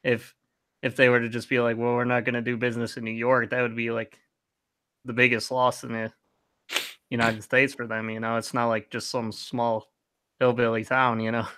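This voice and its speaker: Man, bright forceful tone, casual podcast chat, hesitant, lots of filler words. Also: medium pitch, completely flat delivery, normal speed, clear, resonant tone. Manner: hesitant, lots of "like" and "you know". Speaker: podcast co-host.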